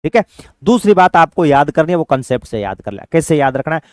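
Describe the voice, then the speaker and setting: A man's fairly high voice swings widely in pitch as he teaches exam preparation, with no echo in the recording. He treats his students in a fatherly way, answering his own questions and chanting memory tricks slowly.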